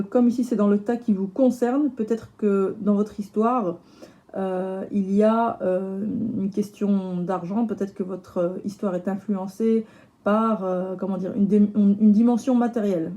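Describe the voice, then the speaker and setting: A woman with a slightly hoarse voice, chatting casually through a tarot reading with lots of fillers and restarts. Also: mid-range voice, steady tone, measured pace, warm tone, highs cut off. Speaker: tarot reader.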